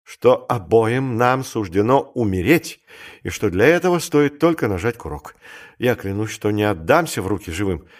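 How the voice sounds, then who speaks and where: A man voicing a bold, reckless male clerk and gambler who talks in a brisk, commanding way, in an audiobook. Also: lowish voice, very animated. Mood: grim, commanding. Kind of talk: audiobook character reading.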